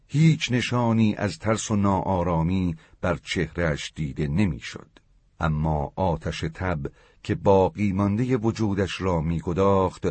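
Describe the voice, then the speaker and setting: Husky, deep-voiced male narrator. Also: darkish tone, no room sound. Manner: solemn, measured reading. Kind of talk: literary audiobook narration.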